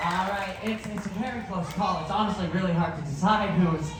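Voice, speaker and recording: A woman's voice: medium pitch, a little fast, distant mic. A woman hosting a live stage event, rallying the audience to cheer and repeat after her. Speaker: event host warming up an audience. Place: indoor theatre on a cruise ship. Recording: very echoey theatre, loud crowd, noisy.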